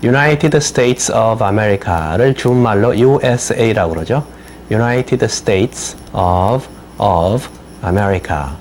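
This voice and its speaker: An older man, an attorney and native Korean speaker, giving a slow explanatory lecture on citizenship English and spelling words out letter by letter. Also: on the low side, a little mellow, a little hiss or hum. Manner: spells words letter by letter, repeats phrases slowly.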